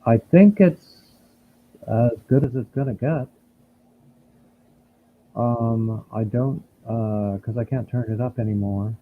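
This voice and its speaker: A man talks in an unhurried way, with a gravelly texture under his words. Everything he says sounds muffled, as if it comes through a wall, squeezed through a thin, phone-like built-in microphone. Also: mid-range voice, a little hiss or hum. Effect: muffled, as if heard through a wall. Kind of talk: casual chat while fixing his audio. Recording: muffled lo-fi internal computer mic.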